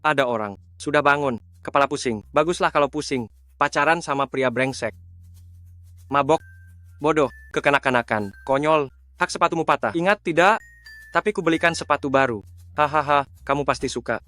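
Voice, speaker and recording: A man's voice: on the high side, fairly quick, sharp tone, soft background music. An actor playing an exasperated, teasing young man, a loyal younger brother who grumbles, in a drama. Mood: scolding, teasing.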